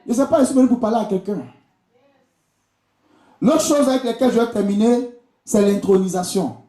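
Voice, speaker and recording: A visiting preacher and prophet from Côte d'Ivoire speaks in a high, brisk, warm voice with an Ivorian accent. He delivers a charismatic sermon at a live indoor church service, exhorting the congregation directly and repeating key phrases. The echo of the church hall is audible.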